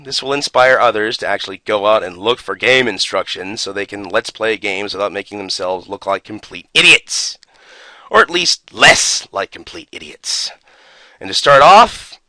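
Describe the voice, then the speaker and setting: Recorded dry, a man's mid-range voice sounds pushed and bright as he works through an opinionated rant and some booklet reading. He's a video game YouTuber, sarcastic and exasperated, with strong emphasis.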